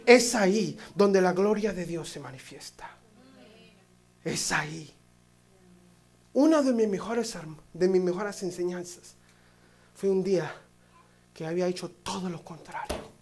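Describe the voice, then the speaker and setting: Passionate pastor preaching. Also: male voice, sits high, unhurried, pauses often. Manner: passionate preaching, swinging from loud exclamations to hushed lines, with joking asides. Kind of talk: sermon.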